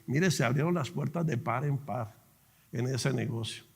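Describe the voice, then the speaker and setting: A middle-aged man preaching a sermon in church, telling his story with animated fervor. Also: medium pitch, moderate pace, gravelly, breathy edge, in a large hall. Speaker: pastor. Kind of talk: sermon with personal testimony.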